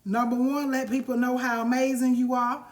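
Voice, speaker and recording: A woman's voice: high-pitched, little pitch movement, moderate pace. Emphatic woman hosting a motivational live stream. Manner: emphatic and preachy, addressing viewers directly with endearments.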